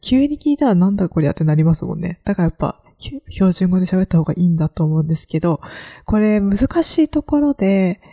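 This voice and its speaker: A woman from Kagoshima hosts a solo podcast in a casual, reflective manner. Her voice sits a little low and sounds warm and mellow. She often pauses and uses fillers while she gathers her thoughts. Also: sing-song. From Kagoshima, Japan. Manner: reflective, hesitant, many fillers. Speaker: podcast host.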